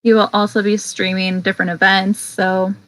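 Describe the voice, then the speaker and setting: A woman's voice: medium pitch, level tone, moderate pace, a bit bright, dry recording, poor audio. A woman hosting an online convention opening over a video call, chatty and teasing as she introduces the staff. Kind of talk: casual online call chat.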